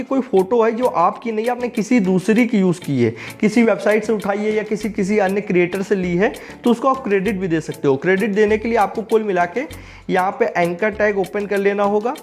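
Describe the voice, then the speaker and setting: A man's voice: high voice, fairly quick, soft background music. A young man explaining a coding tutorial step by step, often checking in with the viewer as he works on screen.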